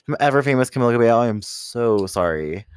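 A man co-hosting a podcast, chatting and gossiping in an expressive way and swearing freely. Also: medium pitch, quick pace, clean tone, no echo. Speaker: podcast co-host. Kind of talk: casual gossipy chat.

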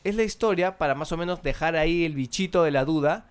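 Animated man telling a story. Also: fairly high pitch, fast, clean tone. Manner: animated, acts out quoted voices. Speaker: podcast host. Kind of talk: casual storytelling.

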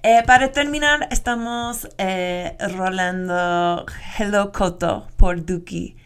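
A woman speaking Spanish with an American accent, hosting a casual radio interview in a relaxed, friendly way. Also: medium pitch, slow, smooth. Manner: relaxed, friendly, uses Mexican slang. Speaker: radio show host.

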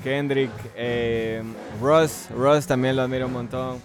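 Relaxed young Guatemalan musician. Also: male voice, mid-range voice, takes it slowly, music in the background. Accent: Guatemalan Spanish. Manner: relaxed, slangy, hesitant. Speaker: musician guest. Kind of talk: casual interview chat.

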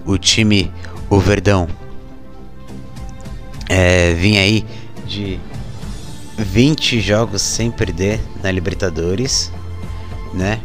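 A Brazilian man with a fairly low voice presents football news casually. He pauses often mid-sentence as host, with soft music playing behind him. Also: fairly even intonation. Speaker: sports show host.

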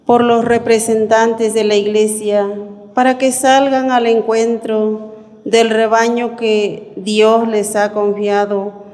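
A woman reading the prayers of the faithful at mass in a slow, measured way. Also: fairly high pitch, level tone, darkish tone. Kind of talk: liturgical reading. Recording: reverberant church.

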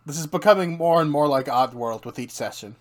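A man with a slightly high voice runs a tabletop role-playing game. He narrates casually as game master, making it up as he goes. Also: brisk.

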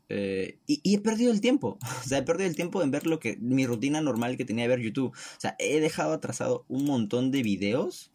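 A young man hosts his own podcast, rambling casually about his routine in a medium-pitched, darkish, throaty voice. He restarts often, swears, and makes self-deprecating jokes.

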